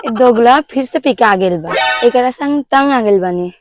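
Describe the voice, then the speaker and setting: A woman playing a fed-up, sharp-tongued village wife scolding in a Bhojpuri-accented comedy skit. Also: on the high side, expressive, normal speed, over music, close to an everyday voice. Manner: scolding, complaining, combative. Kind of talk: rural comedy skit acting.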